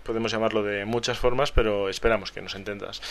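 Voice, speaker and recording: A man's voice: on the low side, fairly even intonation, fast, fairly bright tone. A man with a Spain Spanish accent co-hosting a tech podcast, explaining things in a loose, chatty, rambling way. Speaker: podcast co-host. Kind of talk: casual podcast chat.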